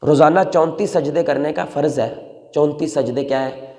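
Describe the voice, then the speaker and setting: A male preacher, telling a story in an emotional sermon that swings between soft pleading and loud exhortation. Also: fairly high pitch. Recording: long reverb in a large hall.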